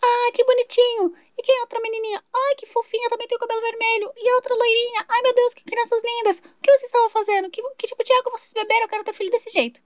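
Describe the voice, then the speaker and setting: A woman's voice: very high voice, little pitch movement, fast, hardly any pauses, dry recording, pitched above the performer's own voice. A woman voicing a gushing, chatty adult neighbor in a toy-figure soap opera, fawning over everyone.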